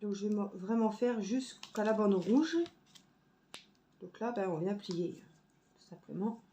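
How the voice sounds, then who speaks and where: A woman's voice: mid-range voice, unhurried, warm tone, slight background noise. Chatty woman crafting at home. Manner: chatty, addresses viewers directly, thinks aloud with fillers. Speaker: crafts vlogger. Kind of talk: casual tutorial chat while crafting. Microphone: phone camera on a stand.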